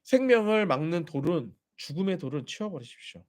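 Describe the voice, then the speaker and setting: A man's voice: fairly high pitch, sing-song, brisk, darkish tone. A man preaching a sermon as pastor, animatedly acting out quoted voices.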